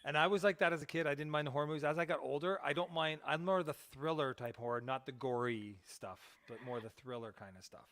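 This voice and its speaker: A man's voice: a little high, fast, hardly any pauses, a bit bright. A man hosting a podcast from Canada, asking friendly questions and chatting casually. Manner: friendly, chatty, laughs along. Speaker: podcast host.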